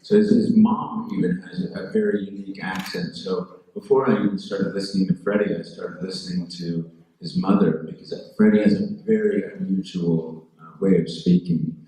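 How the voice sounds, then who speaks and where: A man telling stories as an actor on a panel, animated and amused. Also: sits low, moderate pace. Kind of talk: conversational Q&A answers. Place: large echoey school hall. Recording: very echoey hall.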